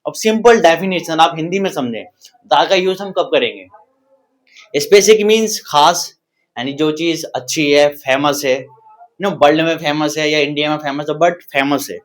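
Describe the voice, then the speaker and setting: A man's voice: fairly high pitch, moderate pace. Indian man teaching English grammar. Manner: repetitive, asks rhetorical questions to students. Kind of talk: classroom-style grammar lesson.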